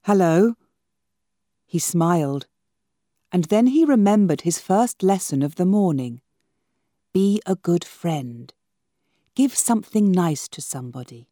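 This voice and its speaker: Woman narrator for a learner reader, slow and mellow, clear measured phrasing. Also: fairly low pitch, expressive, no room sound, clean studio sound. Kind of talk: storybook reading for learners.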